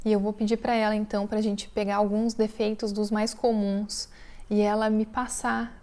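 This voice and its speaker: A woman's voice: fairly high pitch, a little mellow. A young adult woman with a Brazilian Portuguese accent, teaching a parenting lesson in a casual, conversational way and often acting out quotes. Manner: conversational, with frequent tag questions and acted-out quotes. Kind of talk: casual spoken lesson to mothers.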